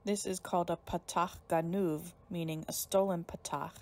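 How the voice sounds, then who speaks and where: A woman explaining a Hebrew pronunciation rule in a recorded lesson, calm and even. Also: on the low side, moderate pace. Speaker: Hebrew teacher.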